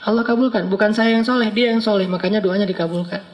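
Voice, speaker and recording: Animated man preaching casually. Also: sits high, fast. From Aceh, Indonesia. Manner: animated, humorous, laughs as he talks. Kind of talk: casual storytelling sermon.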